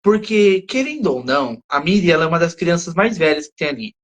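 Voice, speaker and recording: A man's voice: on the high side, lively intonation, brisk, fairly bright tone. A man with a Brazilian Portuguese accent, co-hosting a podcast and picking apart a TV plot as he thinks aloud. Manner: analytical, thinks aloud, restarts often. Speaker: podcast co-host. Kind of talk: casual discussion of a TV episode.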